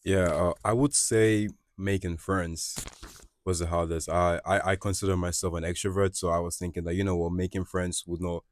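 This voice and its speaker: Panelist, young man from Ghana, slow and thoughtful, very low and flat. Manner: slow, thoughtful and self-repairing. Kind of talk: casual panel talk.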